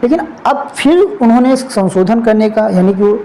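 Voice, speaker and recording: A man's voice: sits high, animated, moderate pace, mellow, rough recording. A man presenting a spoken commentary video, talking earnestly and appealingly, often repeating phrases as he searches for words.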